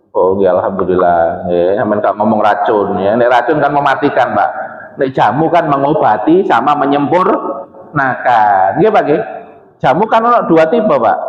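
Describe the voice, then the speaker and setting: Javanese-accented preacher in an echoey mosque hall. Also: male voice, mid-range voice. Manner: conversational, asks the congregation questions, mixes in Javanese. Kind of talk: religious study talk. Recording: echoey hall, dull lo-fi sound.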